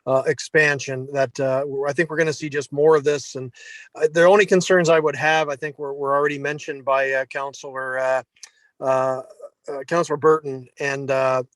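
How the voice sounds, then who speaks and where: A man's voice: mid-range voice, flat delivery, moderate pace, no room sound. A man dialed in on his phone, giving rambling, upbeat and polite comments as a committee member at a town meeting. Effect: speaking over a phone line.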